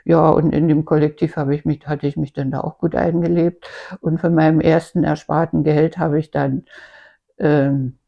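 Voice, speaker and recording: Grandmother, 80s, from East Germany. Creaky voice, casual halting reminiscence. Muffled home recording. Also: low voice, little pitch movement. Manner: halting, searching for words. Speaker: grandmother recounting her life.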